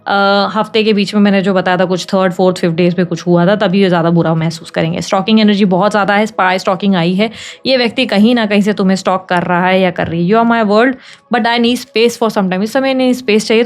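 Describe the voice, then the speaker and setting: A woman reading tarot in a casual chat to her viewers, talking fast, teasing and scolding them like a big sister. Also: mid-range voice. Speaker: tarot reader.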